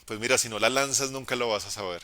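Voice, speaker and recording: A young man, a game master giving an encouraging, casual live talk about narrating, in a low tenor voice with frequent restarts. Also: fast talker, sharp tone, no echo. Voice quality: lowish tenor voice. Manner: encouraging, conversational, many restarts. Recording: dry live stream audio.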